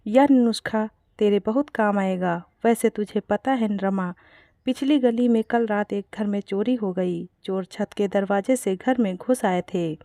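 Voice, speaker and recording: A woman's voice: mid-range voice, measured pace, dark tone, no echo, studio quality, close to an everyday voice. A woman voicing a sly neighbor woman. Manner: sly, teasing.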